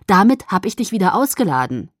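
A woman's voice: medium pitch, big pitch swings, fairly quick, no room sound, studio quality. A woman reading the first-person heroine's lines in a novel, a teenage girl who answers curtly. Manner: curt, hissing when annoyed. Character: teenage girl, impatient and distracted.

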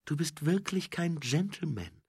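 A man voicing a smooth, soft-spoken male assassin who speaks in a quiet, hushed way. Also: a little high, animated, measured pace, no room sound, clean studio sound, pitched above the performer's own voice, full character voice. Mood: cool.

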